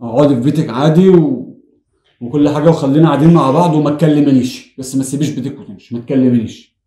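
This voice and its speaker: Fast-talking Egyptian man pleading. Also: mid-range voice, dark tone, echoey room. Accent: Egyptian Arabic. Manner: pleading, swearing oaths, stammering restarts. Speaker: vlogger pulling a prank on his wife. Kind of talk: emotional pleading, then casual joking.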